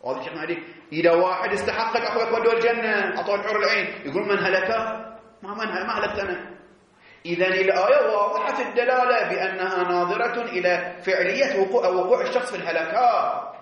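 A man giving a seminary lecture, explaining animatedly and drawing out key words slowly. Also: high voice, fairly bright tone. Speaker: teacher of religious jurisprudence. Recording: echoey, dull lo-fi classroom recording.

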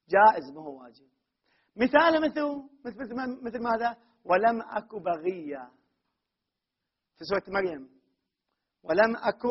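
High-pitched husky male teacher. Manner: repeats key terms and asks the class rhetorical questions. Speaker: grammar teacher. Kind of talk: classroom lecture. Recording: dull lo-fi recording.

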